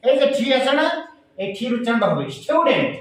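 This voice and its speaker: A man teaching English to a class. He says each sound slowly and has the students repeat it back. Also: very high-pitched, very animated. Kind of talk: classroom teaching with call-and-response drills. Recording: echoey room, voice from far off.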